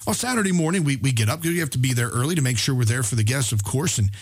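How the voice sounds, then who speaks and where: Husky male host, earnest motivational storyteller who trips over his words and slows down for emphasis. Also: mid-range voice, animated. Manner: earnest, frequent stammered restarts; slows down to stress key words. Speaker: podcast host. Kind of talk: personal story and motivational talk.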